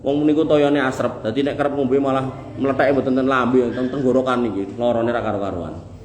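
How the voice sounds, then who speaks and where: In an echoey room with faint background noise, a man with a Javanese accent delivers a folksy, humorous sermon to his congregation, using rhythmic repetition to drive each point home. He speaks briskly at a medium pitch, with fairly even intonation and a darkish tone.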